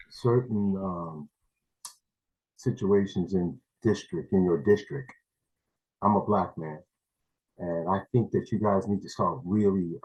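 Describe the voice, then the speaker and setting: A man's voice: sits low, darkish tone, rough recording. A man from New City, giving a rambling, blunt public comment over a video call as a parent. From New York City.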